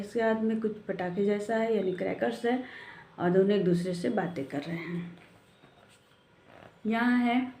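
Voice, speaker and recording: A woman teaching a classroom lesson, patiently working through each exercise and asking the children questions as she goes. Her voice is mellow and soft-edged, at a middle pitch. The room around her is echoey. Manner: patient, explains step by step with rhetorical questions and mixed-in English words. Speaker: school teacher. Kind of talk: classroom lesson explaining a textbook.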